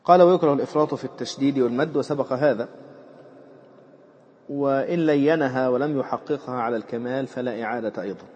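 A man's voice: quick pace, darkish tone, husky. A male teacher gives a lesson on Islamic jurisprudence, reading lines from a classical text and then explaining them with fillers and repetition. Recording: muffled low-fidelity recording with faint background noise.

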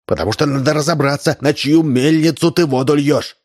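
A man's voice: fairly high pitch, fairly even intonation, brisk, darkish tone, voice pushed up, natural voice. A man reading a story aloud voices a frightened, evasive male double of the hero who panics and pleads. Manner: nervous, hissing, pleading.

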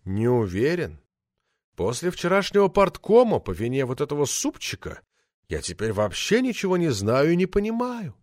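A man playing an older party boss who speaks slowly and pompously with a breathy aspirated delivery, in an audiobook reading. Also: on the high side, very animated, a little mellow, dry recording, clean studio sound. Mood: pompous reproach.

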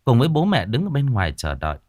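A man narrating a horror story in a slow, suspenseful storytelling manner. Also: medium pitch, wildly swooping pitch, darkish tone, no echo, clean studio sound.

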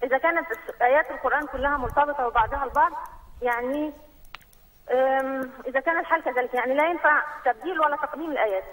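A woman's voice: sits high, rapid-fire, a bit bright. A woman from Saudi Arabia calling in over the phone, asking her questions in one long run and reading out verse numbers and quotes. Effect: heard over a phone line. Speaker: caller. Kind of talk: phone-in question to a religious program.

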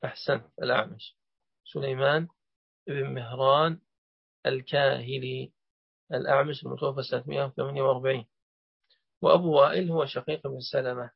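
Quick, gravelly-voiced teacher of hadith. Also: male voice, mid-range voice, fairly even intonation, no room sound. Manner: quizzes the student, then explains at length. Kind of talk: explaining a hadith collection to a student. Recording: dull lo-fi recording.

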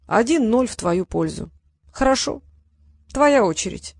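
A woman's voice: on the high side, lively intonation, unhurried, creaky, a little mellow, no room sound, studio quality, voice pushed up, exaggerated voice. A woman voicing a boastful, pedantic male dragon who loves riddles, speaking in a raised, emphatic, pompous way.

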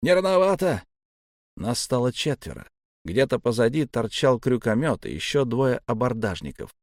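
A man's voice: medium pitch, big pitch swings, normal speed, darkish tone, dry recording. Male audiobook narrator, dry sound. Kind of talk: scripted narration.

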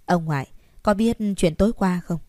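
A woman's voice: on the low side, normal speed, dry recording, studio quality, close to an everyday voice. A woman voicing a cold, aloof young grandson who speaks curtly. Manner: cold, curt, flat.

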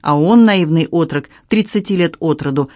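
A man's voice: on the high side, moderate pace, a little mellow, dry recording, clean studio sound, natural voice. A man voicing a hurt, indignant young stepdaughter who speaks reproachfully.

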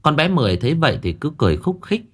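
A man narrating an audiobook ghost story in an expressive storytelling manner. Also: fairly high pitch, racing. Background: faint music.

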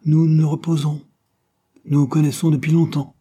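A man putting on a welcoming lady of a country house in a storybook reading, with a hearty, higher voice. The tone stays mellow and a little husky. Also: level tone, normal speed. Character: older lady of the house, hospitable.

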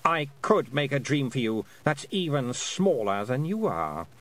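A man's voice: medium pitch, very animated, unhurried, fairly bright tone. Man voicing a sweetly menacing fairy queen. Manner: pleasant, cold and threatening.

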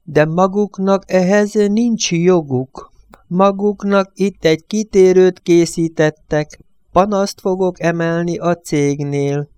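A man reading an audiobook voices an earnest village priest who pleads slowly and solemnly. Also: high-pitched, darkish tone, smooth, dry recording, pitched above the performer's own voice, lightly acted. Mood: pleading.

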